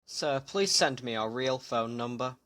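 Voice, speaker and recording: A man voicing a terse male email scammer who makes blunt demands in broken English, slowly and flatly. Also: mid-range voice, no room sound, pitched below the performer's own voice, natural voice. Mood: demanding. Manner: curt, broken-English demands, slow and flat.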